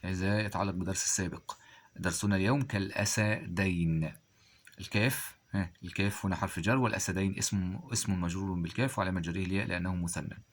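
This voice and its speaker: A man teaching a grammar lesson. He reads example sentences slowly, then asks quiz questions and answers them himself. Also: deep voice, steady tone.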